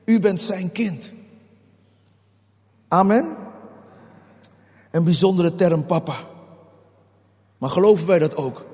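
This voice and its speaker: A man's voice: high voice, expressive, takes it slowly, pauses often, warm tone, breathy edge. A man preaching a sermon, passionate, who voices prayers in a raised, pleading tone. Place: hall. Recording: long hall reverb.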